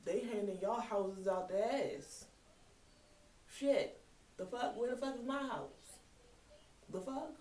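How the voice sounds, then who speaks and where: A woman's voice: a little high, slow, pauses often, warm tone. Thirty-something woman ranting to camera, cussing a lot, echoey room, sounds kinda far from the mic. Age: 30s. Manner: blunt, heated, swears freely. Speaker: vlogger. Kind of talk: casual monologue. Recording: echoey room, mic at a distance, faint hiss.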